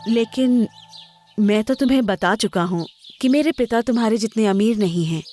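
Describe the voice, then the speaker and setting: A woman voicing a gentle poor young man. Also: a little high, normal speed, faint music behind, close to an everyday voice. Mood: earnest.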